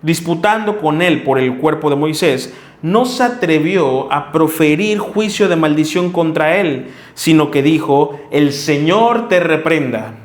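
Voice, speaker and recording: A man delivers a sermon, reading scripture and pressing his points directly on the listener. His voice sits fairly high for a man, and the room around him is reverberant. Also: measured pace. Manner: earnest, scolding, addresses listener directly. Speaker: preacher. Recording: echoey room.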